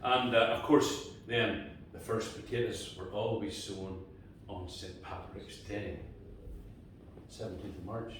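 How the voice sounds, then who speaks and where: A man's voice: on the low side, a little slow. A Northern Irish man telling a folk tale live in colloquial language, building it with repeated phrases. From Antrim, Northern Ireland. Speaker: storyteller. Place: indoor cottage gathering. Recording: very echoey room, distant microphone, faint noise.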